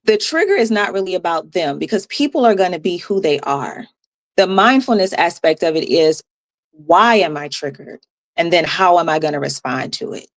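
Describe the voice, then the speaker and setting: A woman health coach as a podcast guest, explaining in a calm, measured way with pauses. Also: fairly low pitch. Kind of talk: podcast interview.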